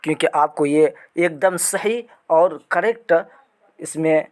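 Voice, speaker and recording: A man with a fairly high voice hosts a casual exam-news update. He talks loosely, circling back and repeating words and phrases as he goes. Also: takes it slowly. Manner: repetitive, restarting phrases. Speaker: channel host. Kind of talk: casual screen-walkthrough update.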